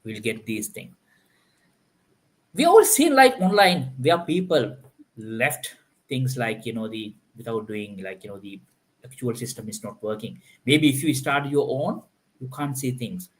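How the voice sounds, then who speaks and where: Expressive and mid-range, this male host's voice moves a little slowly as he runs a live online panel. He talks in a loose way heavy on filler, often restarting sentences and saying "like, you know" over and over.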